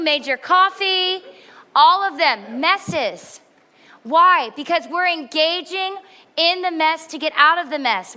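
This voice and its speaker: Bright-voiced woman preaching a sermon. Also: high voice. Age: 40s. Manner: earnest and candid, emphatic repetition. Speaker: pastor.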